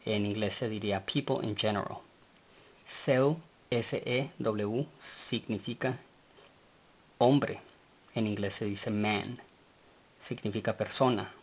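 A man teaching a language lesson, speaking slowly and spelling words out letter by letter. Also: on the low side, fairly even intonation, muffled recording.

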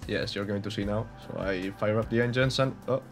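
With a lowish voice and a brisk pace, this young Spanish-accented man from Spain narrates his gameplay for YouTube. He sounds casual and hesitant, often restarting and using fillers, while soft background music plays.

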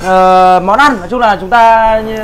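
Here the man's voice sits high and fairly bright, with fairly even intonation and a moderate pace, as he casually walks friends through his restaurant's dishes for a food vlog. Crowd talk fills the busy indoor kitchen, and there's a slight hiss or hum.

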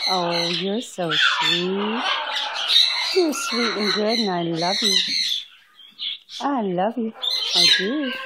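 Slow, cooing woman in baby talk. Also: medium pitch. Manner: cooing, sing-song, slow and tender. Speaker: pet bird owner. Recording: loud background noise.

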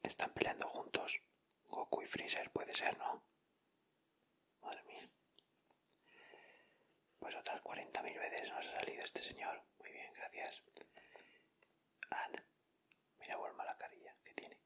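Soft whispers from a Spanish-accented man fill this ASMR clip, where he hosts and chats casually while unwrapping sticker packs. His remarks are short, slow-paced and spoken right up against the mic.

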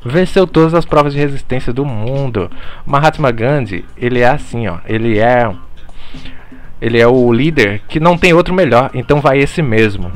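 A man playing a mock teacher in a parody online lecture, deadpan and mock-serious, swearing casually while talking over slides. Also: mid-range voice, normal speed, faint music behind.

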